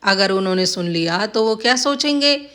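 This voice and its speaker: A woman's voice: medium pitch, lively intonation, moderate pace, a bit bright, lightly acted. A woman voicing a scheming, bossy old village husband who scolds and commands. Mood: scolding.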